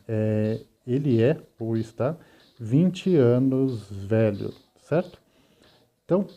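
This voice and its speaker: A man's voice: mid-range voice, warm tone. A man with a Brazilian Portuguese accent teaching an English grammar lesson, patiently explaining and checking often that students follow.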